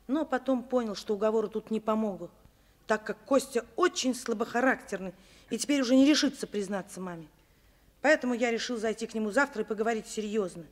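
A high, youthful voice of an earnest schoolboy, in a children's radio play. He speaks expressively and emphatically, a conscientious friend who can turn bossy. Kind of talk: dramatised children's story narration and dialogue.

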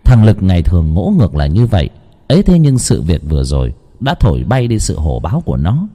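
A man narrates a ghost story with dramatic suspense. His voice is low, dark and husky. The pitch swings widely to build tension. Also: wildly swooping pitch, brisk. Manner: dramatic, suspenseful, wide-ranging delivery.

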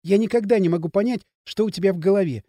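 A man's voice: sits high, fast, dark tone, dry recording, studio quality, voice pushed up, natural voice. A man voicing a lonely young woman who speaks in a pleading, tearful way.

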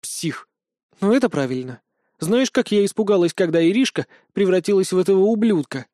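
A man voicing the narrator's blunt, sharp-tongued sister in an audiobook. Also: high-pitched, animated, fairly quick, no room sound, studio quality. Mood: indignant. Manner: blunt, indignant.

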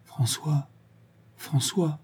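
A man voicing a desperate middle-aged mother who speaks softly and haltingly in a storybook reading. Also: medium pitch, breathy edge, lightly acted. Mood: hesitant. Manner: soft, halting.

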